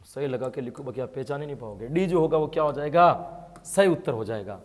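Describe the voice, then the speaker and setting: A man's voice: medium pitch, fast talker. A man teaching an exam-prep lesson, explaining answers and asking his students questions as he goes. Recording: long hall reverb.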